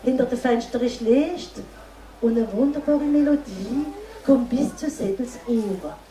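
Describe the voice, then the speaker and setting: A middle-aged woman with an Alsatian accent, whose first language is Alsatian, speaks in a somewhat high, mellow voice at a measured pace. She is a storyteller who talks about her work in an interview and tells a fairy tale in a lilting way. The recording quality is low.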